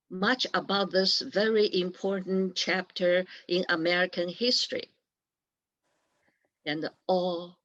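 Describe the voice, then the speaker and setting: An older woman, raised in Taiwan after a birth in China, delivers a prepared keynote address. Her voice sits a little low and she speaks slowly and carefully. The conference audio sounds dull and lo-fi. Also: a bit bright. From born in China, raised in Taiwan. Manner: slow, measured delivery. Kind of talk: formal prepared speech.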